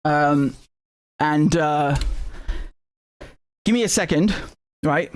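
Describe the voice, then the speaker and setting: A man hosting a live stream, talking through current events in a casual, animated and sardonic way, often repeating words and swearing. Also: on the high side, drawn-out words.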